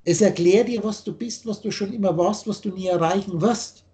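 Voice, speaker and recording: A man's voice: high voice, moderate pace, mellow. A man teaching on a video call, lecturing insistently and spelling out letters as he explains. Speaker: spiritual teacher.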